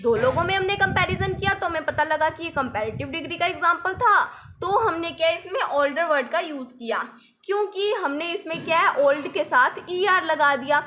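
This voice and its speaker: High, bright-voiced young woman teaching grammar. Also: animated, normal speed, slight background noise. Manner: patient, repetitive, asks rhetorical questions to the viewer. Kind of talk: explaining grammar lesson in Hindi with English examples.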